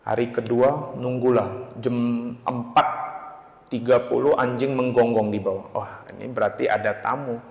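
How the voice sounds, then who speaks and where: Guy giving a dharma talk, casual story mode, mid pitch, echoey hall. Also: fairly even intonation, normal speed, vocal fry. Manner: chatty, anecdotal, acts out quoted voices. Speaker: Buddhist dharma speaker. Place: Buddhist meditation centre hall. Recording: echoey hall with long reverb.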